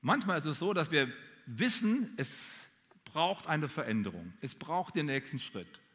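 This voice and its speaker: A man preaching a sermon, talking straight to his listeners in an animated way. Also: fairly high pitch, a little slow, long reverb tail. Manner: animated, addresses listeners directly. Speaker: pastor.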